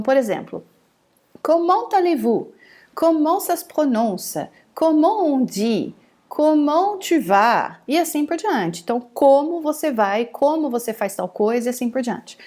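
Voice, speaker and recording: A woman's voice: high-pitched, darkish tone. A woman teaching French phrases in an online lesson, saying each phrase carefully twice and then explaining it. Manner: slow, careful modelling of phrases, repeated twice.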